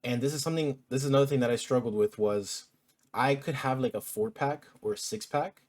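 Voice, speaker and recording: A man's voice: medium pitch, animated, brisk, a little mellow. A man in his twenties talking in a casual, chatty vlog, full of fillers like "like" and "um". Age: 20s. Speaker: vlogger.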